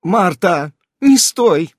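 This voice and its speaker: Guy doing a bossy witch lady, high and shrill, snapping orders nonstop. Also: big pitch swings, unhurried, slightly rough, no room sound, studio quality, exaggerated voice. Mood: commanding. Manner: sharp, scolding orders. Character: commanding bossy adult witch woman.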